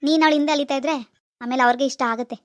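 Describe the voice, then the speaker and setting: A woman's voice: high-pitched, fairly even intonation, racing, natural voice. Woman voicing a cocky know-it-all young man. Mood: pushy. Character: cocky young man giving love advice. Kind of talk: cartoon dialogue.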